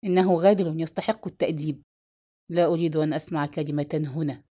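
A woman's voice: sits low, fairly even intonation, quick pace, mellow, voice pushed down. A woman reading the lines of an enraged young man who hurls heated accusations at his brother. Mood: furious.

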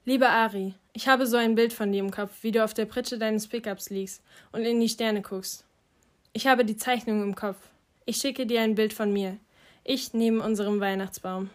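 A woman voicing a gentle teenage boy as he reads out his own letter in an earnest, soft way for an audiobook. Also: a little high, fairly even intonation, normal speed, natural voice. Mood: affectionate.

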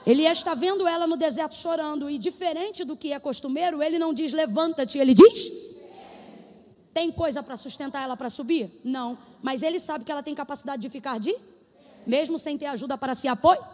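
A woman preacher from Brazil delivers a sermon in a very high voice. She shifts between shouted prophetic declarations and relaxed, conversational storytelling. Long reverb trails after her words in the church hall. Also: brisk.

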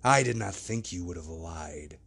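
A man voicing a cold, furtive, sinister stranger in a storybook reading, speaking low and clipped. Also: expressive, measured pace, gravelly, a bit bright, husky, full character voice. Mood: angry.

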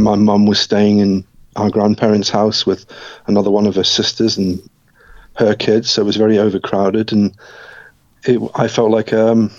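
Low flat-voiced man telling his story. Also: no room sound, dull audio. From Scotland. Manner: reflective, measured, with frequent restarts. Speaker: interview guest. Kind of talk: personal life story in an interview.

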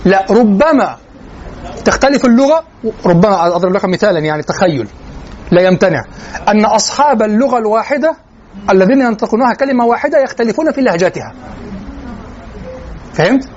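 A male lecturer with an Egyptian accent, talking quickly in a fairly high voice. He swings between colloquial and formal Arabic and keeps quizzing his class. The recording is dull and lo-fi, with a faint hiss underneath. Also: darkish tone. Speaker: lecturer in Quranic sciences.

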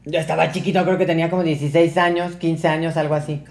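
A young man with a Mexican Spanish accent, telling a personal story as a podcast guest in a casual, animated way, acting out the voices of the people in it and swearing freely. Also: fairly high pitch, fast, gravelly. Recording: roomy echo.

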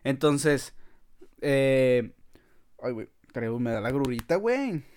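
A man's voice: medium pitch, big pitch swings, slow pace, a little mellow, clear, resonant tone. A man with a Mexican accent, hosting a podcast and telling a story in casual comic style, full of crude slang and frequent laughter. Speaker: podcast host.

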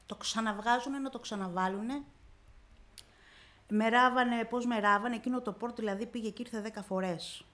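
On the radio, a woman with a rather high, slightly bright voice shares an emotional personal tale as an interview guest. She brings it to life by performing the conversations, full of "I say, she says."

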